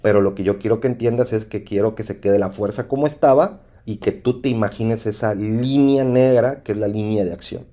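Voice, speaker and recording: Man, Mexican accent, engineering teacher, mellow low voice, checks in often. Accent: Mexican Spanish. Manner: repetitive, asks "¿sí?" to check understanding. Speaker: engineering instructor. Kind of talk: lecture over slides.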